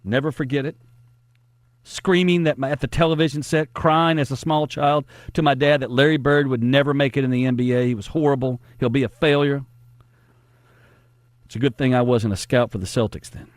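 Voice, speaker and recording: A man's voice: mid-range voice, steady tone, fast, hardly any pauses, no room sound, clean studio sound. A man in his forties hosting sports talk, rambling nostalgically and laughing at himself. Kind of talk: casual sports talk monologue.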